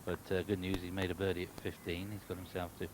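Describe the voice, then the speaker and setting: A man's voice: deep voice, flat delivery, fast. A man giving live golf commentary in a conversational, informative way. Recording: very noisy outdoor broadcast sound.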